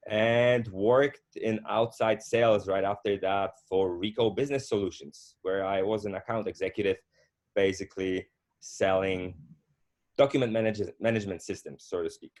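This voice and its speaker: Low-voiced man. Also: darkish tone. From Poland. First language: Polish. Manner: unhurried, with frequent fillers and restarts. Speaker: guest. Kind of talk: casual conversational storytelling.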